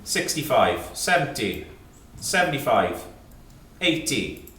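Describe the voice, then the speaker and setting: A man's voice: mid-range voice, sing-song, slow pace, sharp tone, slight background noise. A British man working as an antiques auctioneer, calling lots and rising bids in clipped numbers with repeated prompts to the room. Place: indoor auction sale room. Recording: echoey sale room, distant microphone.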